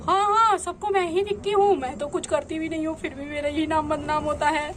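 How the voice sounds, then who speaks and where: A woman's voice: sits high, steady tone, brisk, a bit bright, a little hiss or hum. Woman voicing a sulking, quarrelsome young woman. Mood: aggrieved. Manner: complaining, self-pitying. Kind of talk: doll story role-play.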